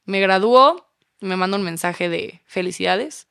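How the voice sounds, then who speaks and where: Speaking unhurriedly in a medium-pitched, creaky but clean voice, a Mexican woman in her twenties recounts a story as a podcast guest. She's animated in the casual chat and performs the quoted dialogue. The studio-quality audio has no room sound.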